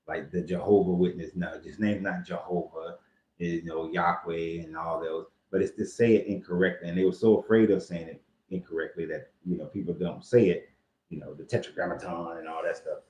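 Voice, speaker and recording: A man's voice: deep voice, a little mellow. A man hosting a casual commentary on scripture, loose and joking, with slang and cursing. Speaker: host. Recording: echoey, dull lo-fi room sound.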